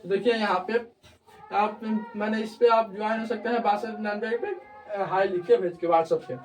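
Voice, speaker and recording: A young man teaching a grammar lesson online, often pausing to check that students follow. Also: sits high, fairly even intonation, recorded from a distance. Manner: repeats checks of understanding.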